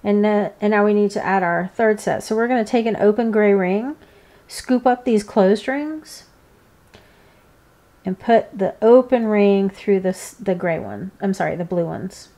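A woman gives a hands-on tutorial at a slow pace. Her medium-pitched voice is informal and unhurried, and she leaves pauses between the steps as she instructs. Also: animated, dark tone. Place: indoors, seated at a work table.

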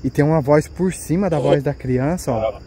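Music plays in the background as a paranormal investigator with a Brazilian Portuguese accent vlogs outdoors at night, with loud crickets and insects behind him. His voice is a little high and moderately paced, and his live commentary is anxious and exclamatory as he points things out.

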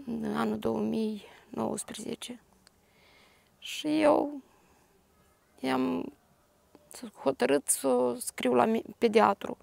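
An older woman with a Moldovan Romanian accent, a grieving grandmother giving a halting, detailed personal testimony. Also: a little high, fairly even intonation, creaky, darkish tone, no echo. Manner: halting, detailed retelling with restarts.

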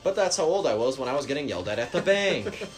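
A man hosting casual gaming chat, joking and excitable, trading banter with friends. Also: mid-range voice, fast talker. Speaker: host. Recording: music playing behind.

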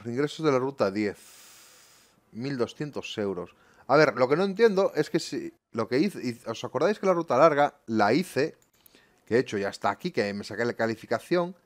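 Cursing gamer, lively pitch. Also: male voice, a little slow. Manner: swearing, exasperated, talking to viewers. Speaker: gaming YouTuber. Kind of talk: live gameplay commentary. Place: home room.

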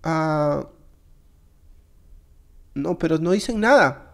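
A man giving jokey, excitable gameplay commentary straight to his viewers. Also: fairly high pitch, very slow, creaky. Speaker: gaming video creator.

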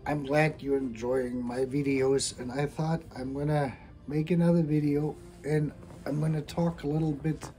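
A middle-aged man from Germany, talking casually and hesitantly about his engineering background, with frequent pauses and restarts. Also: mid-range voice, dark tone. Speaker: hardware engineer, channel host. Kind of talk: casual talk to camera.

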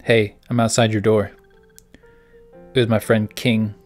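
A man's voice: fairly low pitch, flat delivery, a little slow, darkish tone, faint music behind. A man, the host of a gaming channel, playing through a story game, reading its text aloud and reacting in puzzled asides. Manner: reads dialogue aloud in a plain voice between puzzled asides.

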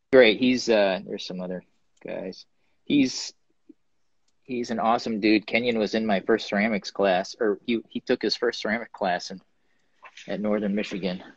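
A man's voice: fairly low pitch, dry recording, highs cut off. A man talking casually from his pottery studio over a live video stream, rambling with lots of ums as he shows his work. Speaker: guest ceramic artist. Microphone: phone or webcam on a live video stream.

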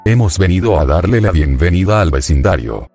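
A prim, fussy middle-aged woman, easily flustered and stern, read out by a man in his own deep voice. The tone stays low, with faint music under it. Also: expressive, brisk, dark tone, husky, full character voice.

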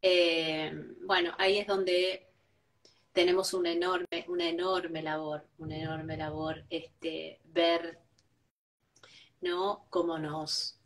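A woman's voice: fairly low pitch, level tone, takes it slowly, far from the mic. A woman, a guest giving reflective spiritual talk, who tags each point with a questioning "right?". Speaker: interview guest.

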